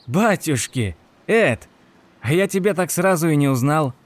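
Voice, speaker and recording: A man's voice: on the high side, expressive, unhurried, a little mellow, voice pushed up. A man reading an audiobook, voicing a fussy, solicitous little clerk in a raised voice.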